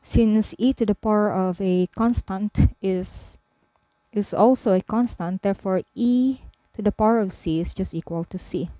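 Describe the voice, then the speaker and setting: A woman math tutor slowly talking through a worked problem step by step, with frequent fillers. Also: mid-range voice, dark tone, dry recording. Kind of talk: screen-recorded math lesson.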